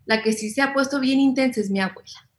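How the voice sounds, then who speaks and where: A young woman with a Mexican accent, speaking as a guest in a casual interview. She tells stories with animation, acting out the voices of the people she quotes and laughing along the way. Her voice sits fairly high. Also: fast talker. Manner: animated storyteller, acts out quotes, laughs often. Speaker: interview guest, content creator.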